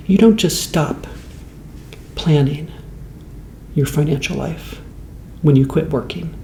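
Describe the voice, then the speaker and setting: A man in his late fifties talks softly and slowly in a rambling, conversational ASMR manner. His voice is warm and mellow, set in a roomy space with a faint hum behind it. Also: a little high. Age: 50s. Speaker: host. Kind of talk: soft-spoken ASMR talk.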